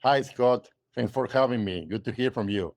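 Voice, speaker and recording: A man, a guest in a casual interview, explaining things step by step in a measured way with many fillers. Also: medium pitch, creaky, darkish tone, no room sound. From Argentina. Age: 50s. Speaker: guest, realtor and investor.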